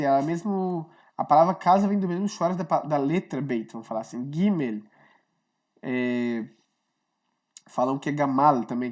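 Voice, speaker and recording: A woman's voice: deep voice, darkish tone. A woman gives a casual online Hebrew lesson, explaining each letter step by step and often checking in with her students. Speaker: Hebrew teacher.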